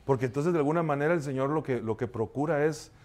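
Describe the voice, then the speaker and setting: A man's voice: fairly high pitch, fast, a little mellow. A male pastor preaching a sermon in a conversational, confessional way, often turning to his listeners to ask for their agreement and a response. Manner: confessional, shares his own failings.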